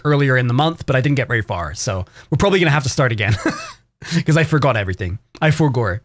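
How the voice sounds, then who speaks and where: A man's voice: on the high side, dry recording, studio quality. A man streaming live who chats casually with his viewers, swears often and rambles in a sarcastic way. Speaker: variety streamer.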